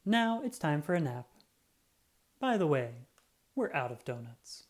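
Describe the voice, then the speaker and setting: In a mid-range voice at a measured pace, a storybook narrator reads a children's picture book aloud as a self-important cat detective spinning a tale. The reading is expressive and dramatic, with sound effects acted out.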